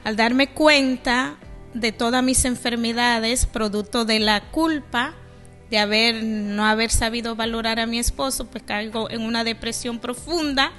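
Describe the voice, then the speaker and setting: A woman's voice: fairly high pitch, fairly even intonation, unhurried, fairly bright tone, soft background music. A middle-aged woman from the Dominican Republic, a guest on a radio show, earnestly telling her life story. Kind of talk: radio interview, personal testimony.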